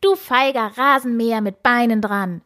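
A woman's voice: fairly high pitch, moderate pace, pushed and bright, voice pushed up. A woman voicing a feisty young castle maiden in a children's story, scolding and indignant.

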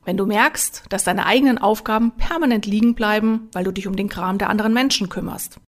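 A woman self-help coach giving a motivational talk, speaking straight to the listener with lively rhetorical questions. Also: mid-range voice.

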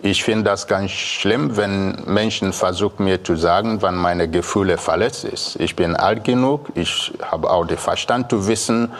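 A man from Nigeria, a restaurant owner telling an anecdote as a guest on a TV talk show, calm and hesitant with fillers. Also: low voice, measured pace, hardly any pauses. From Biafra, Nigeria.

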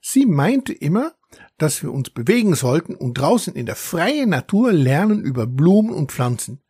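A man's voice: fairly high pitch, moderate pace, slightly rough, no room sound, clean studio sound. A man doing a proud, grumbling young dragon. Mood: indignant boasting. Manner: indignant, lively storytelling.

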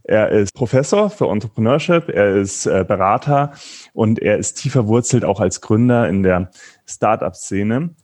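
A man's voice: fairly low pitch, expressive, moderate pace, darkish tone. A man hosting an interview podcast, introducing his guest and asking questions in a friendly way with some fillers. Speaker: podcast host.

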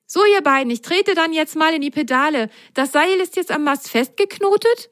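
A sweet, helpful whale child from a children's story, talking high and lively with plenty of eagerness, as a woman acts it out. The voice sits well above an ordinary speaking voice. The sound is dry and close. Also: moderate pace, no room sound. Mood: eager friendly. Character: friendly helpful young whale child on a unicycle.

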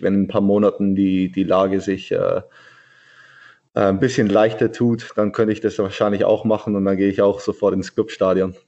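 Young man, low flat voice over lo-fi call. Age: young adult. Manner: plain, a bit halting. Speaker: guest, athlete living in the USA. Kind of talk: remote interview answers. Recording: dull lo-fi remote audio.

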